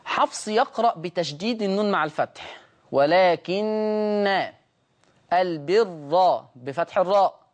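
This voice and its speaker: This is a Quran recitation lesson led by a man whose Egyptian Arabic accent carries a voice that sits high. After laying out each rule, he chants the sample words at a slow pace.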